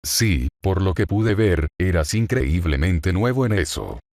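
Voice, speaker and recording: A man's voice: sits low, lively intonation, a little slow, darkish tone, no room sound, clean studio sound, heavily acted. A man voicing a cruel, taunting female fallen angel in a fan story reading, in a mocking, gloating manner.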